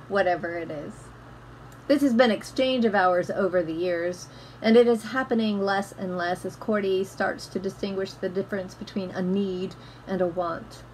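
A middle-aged woman pastor giving a gentle, measured sermon in a conversational way, recorded on a webcam at home. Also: mid-range voice, slight background noise, poor audio. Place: home room with bookshelves. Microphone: laptop webcam, close framing.

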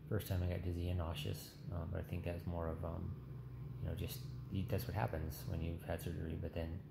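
A man in his thirties giving a casual, halting update in a weak, tired, subdued way after surgery, with a sore throat. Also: deep voice, completely flat delivery, vocal fry. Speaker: patient vlogger. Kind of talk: casual recovery update, talking to camera. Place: small hospital room, lying in bed. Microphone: phone held at arm's length. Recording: roomy, noisy phone recording in hospital room.

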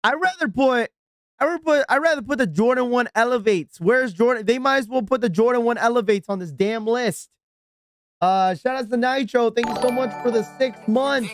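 A man's voice: high-pitched, clear, resonant tone, dry recording. A man live-streaming, reacting in an exasperated, ranting way and thanking subscribers as he talks to his viewers.

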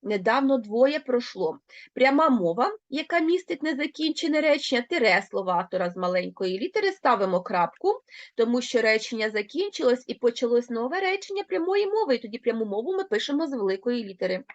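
Lively Ukrainian woman teaching class. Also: a little high, fast, no room sound, dull audio. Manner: clear explaining tone, addresses pupils directly. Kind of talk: recorded online lesson.

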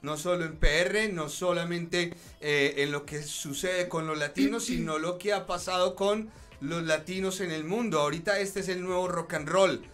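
A man's voice: fairly high pitch, steady tone, normal speed, a bit bright, soft background music. A man, hosting a live studio interview and talking to his online viewers, at a studio mic. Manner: chatty, talks to online viewers. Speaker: host. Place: small studio, indoors. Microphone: studio mic on a stand.

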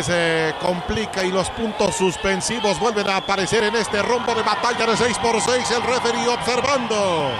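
A man with a Mexican accent giving excited live commentary on a lucha libre match. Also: extremely high pitch. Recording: very loud crowd and arena noise.

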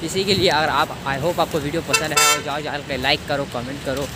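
A man's voice: fairly high pitch, steady tone, a little fast, very noisy. A young man talking casually as a vlogger on a phone camera held at arm's length, rambling like a tour guide. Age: young adult. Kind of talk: casual vlog narration. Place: outdoors by a city road, then inside a large shopping mall.

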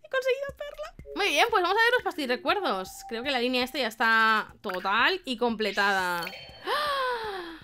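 A woman from giving excitable let's-play commentary, shrieking and laughing as she plays. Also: a little high, brisk, hardly any pauses, noisy background. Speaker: gaming YouTuber. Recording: game music loud under the voice. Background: game music.

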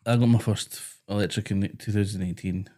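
Male podcast host, lowish mellow voice, chatty, easygoing. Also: steady tone. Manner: easygoing, chatty, quick interjections. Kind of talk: casual chat.

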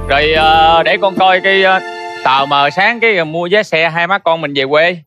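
Brief: performer as patient Southern eldest son, mid-pitched voice, music under the stage. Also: normal speed, close to an everyday voice. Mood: coaxing. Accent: Southern Vietnamese. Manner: coaxing, exasperated, turns to anguished shouting. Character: dutiful older son, weary but patient. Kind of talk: cải lương stage acting.

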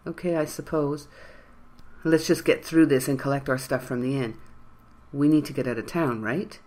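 Jumpy young runaway woman, read by an audiobook narrator, hushed and anxious. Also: medium pitch, normal speed, lightly acted. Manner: anxious, hushed, under her breath. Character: nervous young woman on the run. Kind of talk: audiobook character voice.

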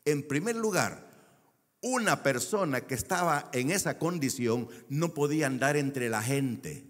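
A man's voice: medium pitch, animated, measured pace, fairly bright tone, long reverb tail. A man preaching a sermon as a pastor, stretching key words for emphasis and telling a personal story. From El Salvador.

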